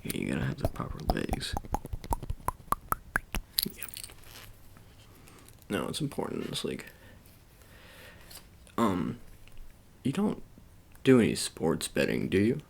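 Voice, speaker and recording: In a soft-spoken ASMR roleplay, a man plays a shady sports agent, coaxing in a halting, casual way and repeating his phrases. His low voice is gravelly and husky, with huge swings in pitch.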